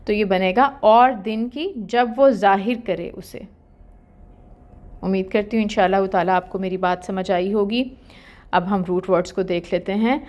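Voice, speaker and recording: A woman's voice: medium pitch, darkish tone. Patient woman tajweed teacher. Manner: patient, explains each letter rule slowly. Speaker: Quran recitation teacher. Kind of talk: step-by-step tajweed lesson.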